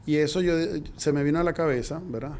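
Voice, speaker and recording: A middle-aged man from Venezuela, a guest in an interview, telling his story in a lively way and acting out the dialogue. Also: fairly high pitch, quick pace, a little hiss or hum. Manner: lively anecdotal, acts out quoted dialogue.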